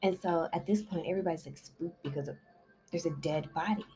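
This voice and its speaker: A warm, low-leaning woman's voice moves fairly quickly through a casual recap of a novel's plot. She's a book summary vlogger who rambles, constantly saying "like" and "you know."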